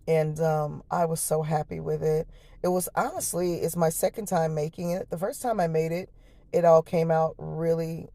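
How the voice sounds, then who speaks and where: An American woman with a hoarse, low, harsh voice gives a casual, folksy cooking voice-over, chatting straight to her viewers. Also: mellow, dry recording. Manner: folksy, chatty, addresses viewers as y'all and honey. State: hoarse, voice lost from the night before. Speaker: home cook, vlog host.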